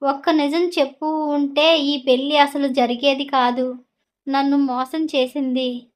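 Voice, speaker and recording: Woman reading a hurt young husband, accusing, high voice, storybook audio. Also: little pitch movement, a little slow. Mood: furious. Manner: accusing outbursts.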